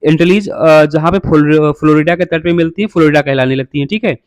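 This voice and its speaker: A man's voice: on the high side, a little fast, no room sound. A man teaching a geography lesson over a map, quizzing his listeners and answering himself, repeating each name by number and calling listeners brother. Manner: repetitive, drills names by number.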